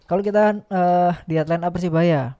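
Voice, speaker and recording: A man co-hosting a football podcast, talking in a relaxed way that often trails off. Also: high voice, moderate pace. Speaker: podcast co-host. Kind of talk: casual football chat.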